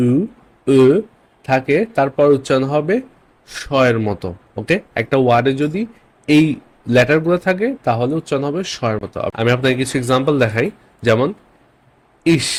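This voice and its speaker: A man at a middle pitch teaches a beginner lesson. He says every example word slowly and twice, then checks in with a quick "okay?" before he moves on. His delivery is patient and steady. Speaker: German language teacher. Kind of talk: language lesson in Bengali.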